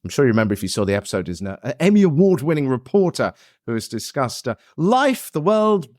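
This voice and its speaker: Lively man hosting a podcast. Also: mid-range voice, quick pace, no echo, clean studio sound. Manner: lively, chatty, with fillers. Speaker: podcast host. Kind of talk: scripted podcast intro then casual chat.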